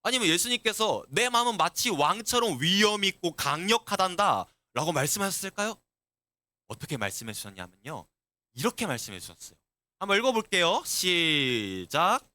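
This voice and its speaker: Male youth pastor with a high, very lively voice, preaching to teens. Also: moderate pace, no room sound. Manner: asks the students many questions; lively and animated. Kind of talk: sermon to middle schoolers.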